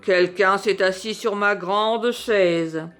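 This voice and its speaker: A woman voicing a big gruff father bear in a storybook reading, speaking deep, slow and growling. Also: fairly bright tone, soft background music.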